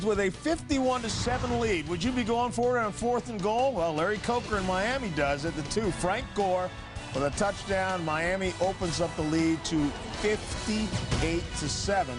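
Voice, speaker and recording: A man reading a quick, punchy scores update during a sports broadcast. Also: high-pitched. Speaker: studio update reporter. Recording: music bed under a studio read.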